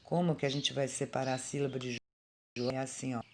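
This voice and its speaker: A woman teacher with a Brazilian Portuguese accent explaining grammar to children in a slow, patient way, recorded on a phone at home. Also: rumbling low, steady tone, a little hiss or hum. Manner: slow, patient and explanatory, calling out words aloud. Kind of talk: remote grammar lesson for children.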